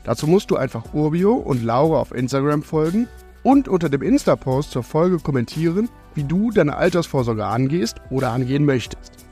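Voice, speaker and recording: A man's voice: a little high, expressive, moderate pace, mellow, husky, faint music behind. A man hosting a podcast, reading the intro and asking questions in a friendly, upbeat way. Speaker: podcast host.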